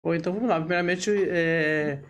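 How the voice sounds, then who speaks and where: A woman, a lawyer telling her career story as a podcast guest, steady and full of tag questions and hesitation fillers. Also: low-pitched, a little fast. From Brazil. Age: 50s. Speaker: lawyer and bar association leader, podcast guest. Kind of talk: relaxed interview storytelling.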